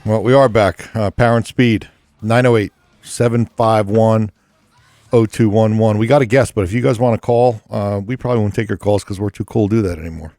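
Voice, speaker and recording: An easygoing podcast host with a fairly low voice, joking as he keeps the chat moving. The sound is close and dry. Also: steady tone, brisk, darkish tone, no echo. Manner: easygoing, joking, runs the show. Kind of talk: casual studio chat. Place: podcast studio.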